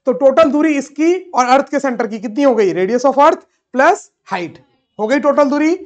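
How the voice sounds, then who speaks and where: A man teaching a physics lesson in Hindi mixed with English terms. He keeps asking questions and answering them himself, and he slows right down when dictating. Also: extremely high pitch, animated, muffled recording. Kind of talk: classroom physics lecture.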